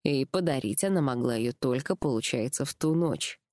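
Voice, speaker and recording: A woman reading an audiobook, voicing a calm, reassuring young man in a lowered voice. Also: normal speed, no room sound, clean studio sound, natural voice.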